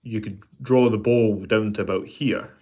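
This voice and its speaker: A man chatting casually as a pipe maker on his vlog, thinking aloud in a halting way and repeating words. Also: fairly low pitch, steady tone, dark tone, lo-fi sound. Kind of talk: casual, rambling hobby vlog chat.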